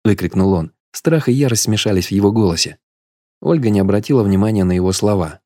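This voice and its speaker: Deep-voiced male audiobook narrator. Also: no echo, studio quality. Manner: steady, measured storytelling.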